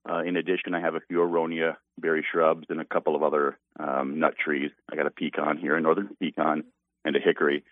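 A man's voice: a bass voice, flat delivery, fast, no room sound. A man from north central Iowa, a hazelnut farmer talking in an easygoing way on a radio interview, with many "uh" fillers. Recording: tinny phone line.

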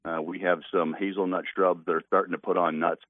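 A man's voice: low-pitched, level tone, fairly quick, no echo. A man from north central Iowa, a hazelnut farmer talking in an easygoing way on a radio interview, with many "uh" fillers. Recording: tinny phone line.

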